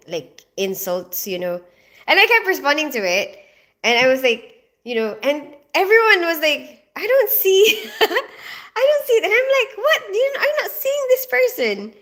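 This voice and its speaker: A woman's voice: medium pitch, a bit bright. Chatty woman livestreaming, laughing often. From Philippines. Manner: chatty, laughs often, reads comments aloud. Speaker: livestream host. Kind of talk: casual live chat reading comments.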